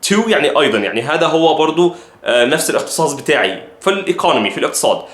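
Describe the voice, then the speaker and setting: Egyptian man teaching slow English. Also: on the high side, very animated, a bit bright, roomy sound. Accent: Egyptian Arabic. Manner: slow careful repetition of English phrases. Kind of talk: language lesson.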